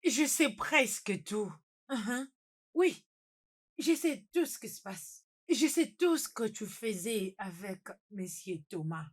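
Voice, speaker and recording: A woman's voice: mid-range voice, very animated, takes it slowly. A woman dubbing a stern character in a French-dubbed film, reproaching someone and telling her she has lost nearly everything.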